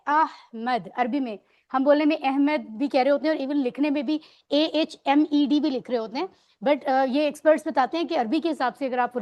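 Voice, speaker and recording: A woman's voice: sits high, a little mellow. A woman teaching a grammar lesson, patiently quizzing her students on words and mixing English words into her explanations. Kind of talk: online Arabic grammar lesson.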